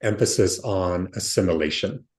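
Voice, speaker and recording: A Ukrainian software founder appears as a podcast guest, answering interview questions by telling his story in an articulate, reflective way. His voice is low and a little mellow, at a moderate pace.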